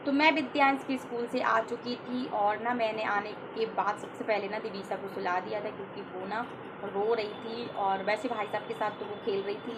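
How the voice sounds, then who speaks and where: A woman vlogger chats easily through her day, loose and unhurried, with many little filler words. Her voice sits at an ordinary middle pitch. Street and vehicle noise runs clearly behind the recording. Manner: chatty, relaxed storytelling with frequent filler "ना". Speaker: family vlogger, housewife. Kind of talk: casual vlog narration.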